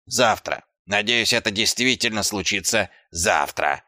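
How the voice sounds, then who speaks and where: A man's voice: animated, a little slow, bright, forceful tone, dry recording, clean studio sound, heavily acted. A man voicing an indignant, quarrelsome male dwarf who complains and pushes. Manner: shrill, complaining, pushy.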